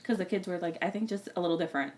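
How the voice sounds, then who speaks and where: A woman's voice: lowish voice, very fast, heavy background noise. A young woman co-hosting a podcast, telling stories in casual chat with lots of fillers. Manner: chatty storyteller, many "like" fillers. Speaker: podcast co-host, former cheer coach.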